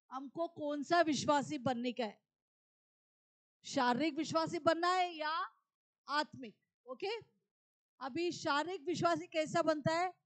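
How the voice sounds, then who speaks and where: A woman from India preaching a sermon, asking questions and answering them herself. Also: sits high.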